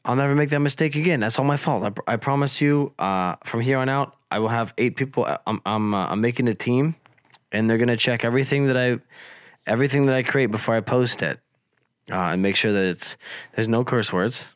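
A man's voice: mid-range voice, a little fast, no echo, clean studio sound. A young man hosting a podcast with a cold, rambling and joking in casual chat and swearing a lot. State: has a cold, voice lower and rough. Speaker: podcast host.

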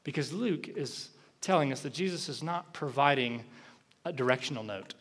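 A man preaching a sermon as pastor, animated, rising in emphasis and dropping soft. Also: mid-range voice, normal speed.

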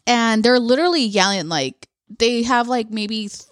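A woman co-hosting a podcast, telling lively stories in casual chat and swearing freely. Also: on the high side, moderate pace, no echo, studio quality. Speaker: podcast co-host.

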